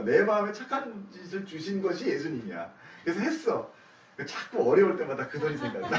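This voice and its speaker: This man's slightly high voice carries through a church worship room as he preaches casually, acting out a conversation between God and Abraham with liveliness, chuckling and asking the listeners questions. The recording is echoey, made with the mic at a distance, and has slight background noise.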